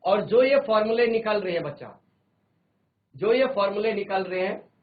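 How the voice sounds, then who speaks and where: A man teaching physics in a virtual classroom lecture, repeating phrases slowly and often addressing the students as children, mixing English terms into his explanations. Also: high voice. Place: studio classroom. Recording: tinny phone-like sound.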